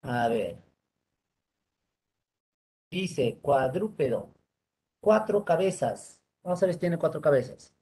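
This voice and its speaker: A man's voice: fairly high pitch, expressive, slow, pauses often, dark tone, husky. A male teacher giving an online lesson on rules, patiently spelling words out syllable by syllable.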